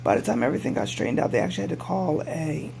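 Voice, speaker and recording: A man giving a casual, rambling video update as a patient, sounding subdued, halting and weary after surgery. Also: fairly high pitch, expressive, vocal fry, a little mellow. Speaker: patient vlogger. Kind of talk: casual personal update to camera. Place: hospital room. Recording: noisy room recording with hum.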